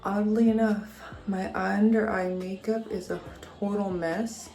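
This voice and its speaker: Slow, chatty woman beauty vlogger. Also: mid-range voice, fairly even intonation, gravelly, dark tone, faint music behind. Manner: chatty, upbeat, addresses viewers directly. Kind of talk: casual makeup review to camera. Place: at home.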